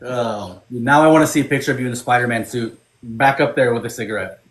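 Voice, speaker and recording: Male co-host, mid-pitched, relaxed and candid, conversational. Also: fast, a little hiss or hum, rough recording. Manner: laid-back, candid, leans on "you know what I mean". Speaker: podcast co-host. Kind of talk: casual chat.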